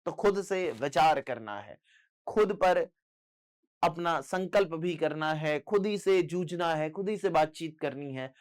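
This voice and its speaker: A male teacher giving a lively online exam-prep lesson, talking straight to his students and calling them "beta". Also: a little high, slow. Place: studio recording for online class.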